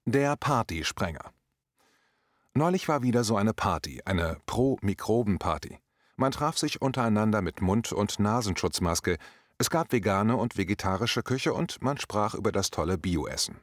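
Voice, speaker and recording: A man with a fairly low voice reads a scripted commentary. His delivery is measured and deliberate. The sound is dry and close, with no room around it. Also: lively intonation, dry recording.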